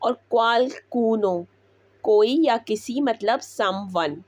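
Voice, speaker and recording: A woman teaching Italian words, repeating each one slowly before explaining it. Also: a little high, darkish tone, no echo. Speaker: language teacher. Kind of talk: slow Italian vocabulary lesson.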